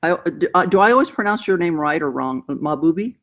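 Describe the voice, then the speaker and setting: A woman's voice: deep voice, expressive, fairly quick. A woman hosting a casual chat show, playful and teasing, laughing often between remarks. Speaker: host.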